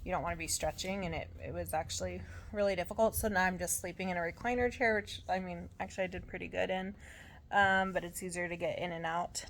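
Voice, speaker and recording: Casual female vlogger, lowish pitch, worn out while recovering from surgery, rambling and often trailing off. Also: slight background noise. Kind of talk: casual chat.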